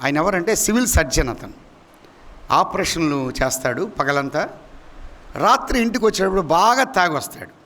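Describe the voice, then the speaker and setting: A male pastor preaching a sermon, swinging between loud, high emphatic rises and sudden low drops. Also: animated, moderate pace, long pauses. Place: church.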